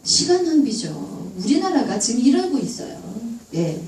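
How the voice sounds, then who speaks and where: A woman giving a lively public English lecture, asking the audience questions and acting out dialect jokes. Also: a little high, moderate pace. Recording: echoey room, distant mic, faint room noise.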